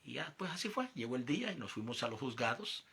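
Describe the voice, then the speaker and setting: A man's voice: medium pitch, very animated, fast talker, a bit bright, slightly rough. A man tells a personal testimony and preaches, acting out the voices of the people in his story.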